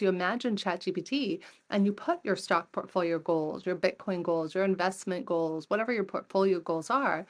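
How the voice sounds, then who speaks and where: A woman in her forties, an entrepreneur and coach talking as a podcast guest, who tells lively stories and acts out the dialogue. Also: fairly low pitch. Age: 40s. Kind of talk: conversational interview storytelling.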